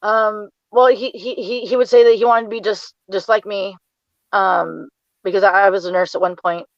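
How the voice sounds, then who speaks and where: A woman's voice: medium pitch, fairly even intonation, moderate pace, no echo, muffled recording. A woman, recounting memories as an interview guest, often stumbling and repeating her words. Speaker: interview guest, mother of the subject. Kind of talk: personal recollection in an interview.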